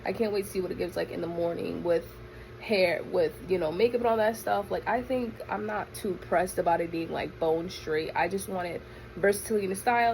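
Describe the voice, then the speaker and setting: Bubbly sorority girl type, young woman vlogging, lots of vocal fry, kinda noisy home recording. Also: lowish voice, a little mellow. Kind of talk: casual chat to camera. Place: indoors in a room at home. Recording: home recording with background noise.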